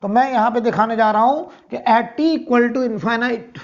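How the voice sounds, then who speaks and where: A man's voice: very high-pitched, unhurried. Male physics teacher, lecturing, answers his own questions and repeats phrases; muffled lo-fi recording. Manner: keeps asking and answering rhetorical questions, repeats key phrases. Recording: dull lo-fi sound.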